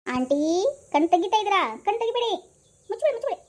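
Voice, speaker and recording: A woman voicing an emotional young man who calls the older woman aunty, speaking softly and pleadingly. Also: very high voice, very animated, fast talker. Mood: coaxing.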